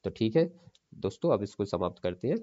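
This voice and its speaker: Low-voiced man teaching Hindi spelling, lo-fi. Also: big pitch swings, dark tone. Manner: repeats each word slowly, drawn out, checking in with "theek hai". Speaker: exam prep teacher. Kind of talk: Hindi spelling lesson for exam prep.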